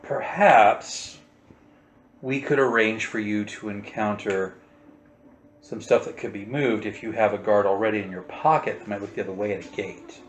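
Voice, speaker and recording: A man voicing a scheming smuggler who talks business in a low, dealing tone. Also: moderate pace, slight background noise, close to an everyday voice. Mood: sly.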